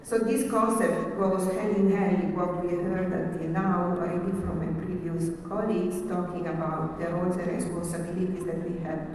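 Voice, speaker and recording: A woman gives a formal keynote in a big conference hall, her mellow, fairly low voice picked up from a distance. Long reverb washes around every phrase, and a faint hiss sits underneath. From Italy. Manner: formal, measured, reading from slides. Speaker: professor giving a keynote.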